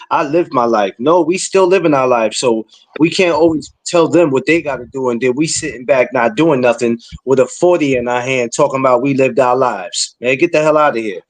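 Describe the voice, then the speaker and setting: A blunt man in his forties hosts a casual podcast. He talks in streetwise slang and lectures a little as he gives advice. His voice sits at an ordinary pitch. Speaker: podcast host.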